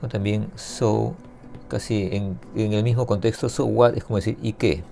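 A man teaching English grammar to learners, explaining patiently step by step and repeating example phrases slowly. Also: fairly low pitch, fairly even intonation, creaky. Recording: soft guitar music behind.

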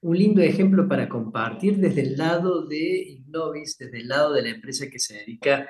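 Guest: man, slightly high voice, explanatory, echoey room. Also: a little mellow. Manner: explanatory, measured, frequent tag questions. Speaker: guest, company founder. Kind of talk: casual business interview.

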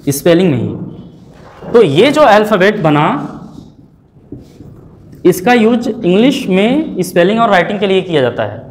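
A male English teacher giving a classroom lecture, spelling words out slowly sound by sound and firing rhetorical questions at his students. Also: high voice.

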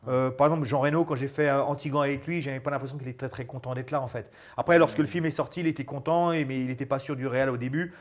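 Speaking at a racing clip with few pauses, a man in his forties uses a medium-pitched voice. He's the guest in a casual interview chat, a former fighter turned actor and stuntman, gesturing animatedly in a small studio lounge on a lapel mic.

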